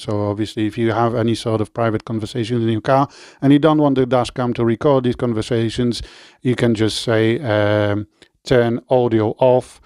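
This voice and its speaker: Speaking with a Polish accent, a man reviews a product and explains its installation in a laid-back way, full of fillers and self-corrections. His medium-pitched voice is clear and resonant, captured in a studio-quality recording with no room sound.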